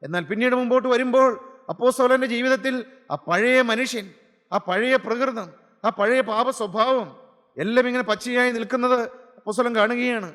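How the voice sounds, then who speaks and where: Male preacher with a high, bright voice, fervent sermon full of rhetorical questions, long hall reverb. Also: normal speed. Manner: impassioned, piling up rhetorical questions and repeated phrases. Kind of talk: gospel sermon.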